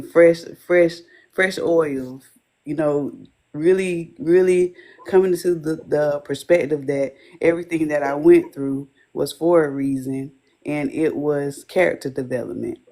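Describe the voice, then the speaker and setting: Slow, earnest woman sharing her faith. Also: low voice, dark tone. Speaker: life coach for wives of addicts. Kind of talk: interview guest testimony.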